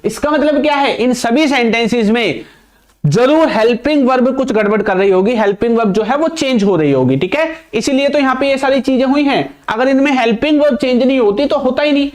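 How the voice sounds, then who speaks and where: Delivering his English grammar lesson briskly, the young man keeps quizzing viewers and answering his own questions, using English words. His voice is very high, expressive, and somewhat dark in tone.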